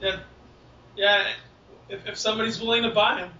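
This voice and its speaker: High, bright-voiced podcast host. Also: male voice, steady tone, moderate pace. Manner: agreeable, steering the topics. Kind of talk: casual interview. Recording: distant, roomy, dull with faint hiss.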